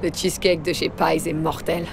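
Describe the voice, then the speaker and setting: A woman's voice: deep voice, flat delivery, normal speed, vocal fry, background noise. A woman playing a blunt, streetwise mercenary in a game, with casual, sceptical, slangy delivery. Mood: wry. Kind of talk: casual video game dialogue.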